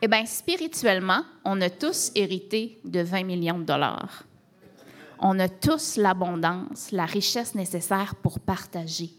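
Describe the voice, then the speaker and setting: A woman's voice: on the low side, lively intonation, a little slow. A woman from Canada with a Québécois French accent, a pastor preaching a sermon in a conversational way, with rhetorical questions and tags like "hein".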